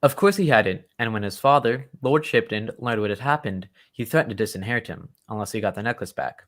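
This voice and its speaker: A man's voice: lowish voice, lively intonation, fairly quick, fairly bright tone. Man acting as genteel Doctor Watson, loyal storyteller. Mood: earnest storytelling. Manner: genteel, old-fashioned storytelling. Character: Doctor Watson, genial English gentleman storyteller, loyal and excitable. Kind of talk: old-time radio drama acting.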